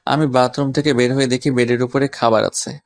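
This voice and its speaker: A man tells a romantic audio story in the first person. His voice stays flat and even, with little rise and fall. The recording is dry and close. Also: medium pitch, a little fast, dry recording. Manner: plain, even storytelling with casual banter. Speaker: narrator and lead voice actor.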